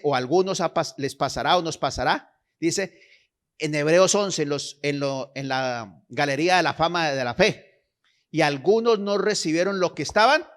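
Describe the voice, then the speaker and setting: A male preacher delivering a sermon with a fairly high-pitched voice. He exhorts the congregation, repeats key phrases for weight and keeps checking in with his listeners, and he reads scripture aloud with emphasis. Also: fairly bright tone.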